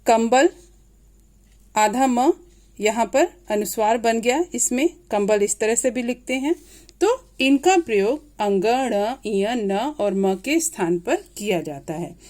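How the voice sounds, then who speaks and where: Slow, patient woman teacher. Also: on the high side, animated, darkish tone. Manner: slow, patient, repeating examples aloud. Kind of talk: grade-school grammar lesson.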